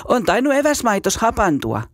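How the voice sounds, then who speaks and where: A storyteller voicing a bullying schoolboy who mocks, then shouts in panic. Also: mid-range voice, wildly swooping pitch, dry recording, studio quality, pitched above the performer's own voice. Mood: taunting. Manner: taunting, raised voice.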